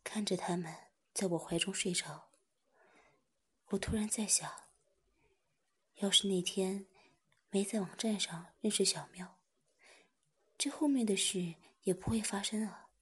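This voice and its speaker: A woman narrating a story in a soft, hushed whisper. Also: mid-range voice, a little slow, pauses often, breathy edge.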